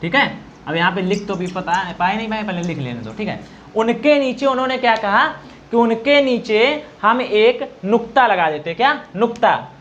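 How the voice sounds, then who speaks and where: A teacher giving a Hindi grammar lesson for exam preparation, explaining slowly and answering his own questions. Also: mid-range voice, expressive, fairly bright tone, lo-fi sound, slight background noise.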